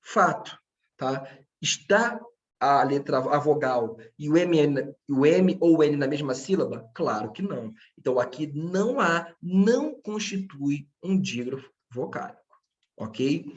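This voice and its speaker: A man's voice: a little high, lively intonation, measured pace, dull audio. A man teaching a grammar lesson, patient and checking in with his students often. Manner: speaks to his students directly.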